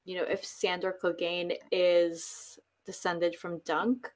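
A young woman guest on a podcast talks in a relaxed, agreeable way. Her speech is full of "like" and "um" as she thinks aloud. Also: lowish voice, slow. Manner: casual, agreeable, lots of fillers. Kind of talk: casual podcast chat.

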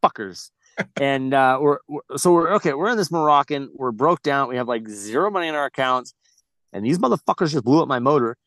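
A man's voice: mid-range voice, a little fast, a bit bright, no room sound. A man telling a story as a podcast guest, blunt and heavily profane, rambling with frequent restarts. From United States. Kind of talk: casual storytelling.

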